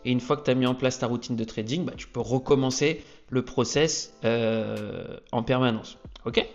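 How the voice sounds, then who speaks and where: A man talking casually to camera about trading, energetic and checking in with "ok?" often. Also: medium pitch, moderate pace, dull audio, faint music behind. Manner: energetic, peppers lines with "ok?". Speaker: trading youtuber. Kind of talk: casual explainer talk to camera.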